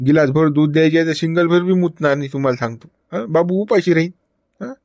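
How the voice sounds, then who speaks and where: A man's voice: on the high side, fast, darkish tone, no room sound. A man in comic village banter, lecturing and chiding with frequent "hm?" prompts. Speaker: cartoon character voice.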